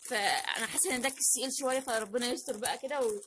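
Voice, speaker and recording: Packets crinkle through a noisy home recording as a young vlog host with an Egyptian Arabic accent chats playfully through her unboxing challenge. Her voice sits on the high side, fairly bright, and comes out rapid-fire.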